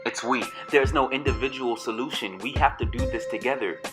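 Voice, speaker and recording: A man's voice: medium pitch, a little fast. A man from Detroit, an artist, leaving an earnest, urging voicemail message for a friend. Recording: music playing under the voice.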